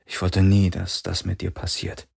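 Man doing an emotional young hero guy in an audiobook, husky voice, goes loud and excited. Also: low voice, moderate pace, heavily acted. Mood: sad, hushed. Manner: shouts in excitement. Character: young man, grieving then fervently hopeful.

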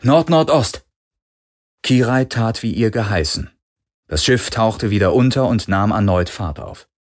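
A man reading an audiobook as narrator in a slow, deliberate way. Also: lowish voice, expressive. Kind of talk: scripted narration.

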